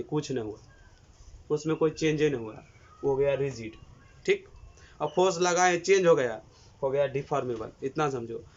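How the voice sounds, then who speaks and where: Coaxing teacher. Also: male voice, fairly high pitch. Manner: coaxing, repeats questions to students, calls them 'babu'. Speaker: engineering teacher. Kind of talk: classroom lecture dictating notes. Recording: dull lo-fi recording with faint hiss.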